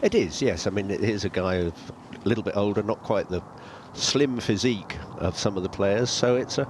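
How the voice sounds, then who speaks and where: A man giving live golf commentary and analysis in a measured, matter-of-fact way. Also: fairly low pitch, a little mellow, slight background noise.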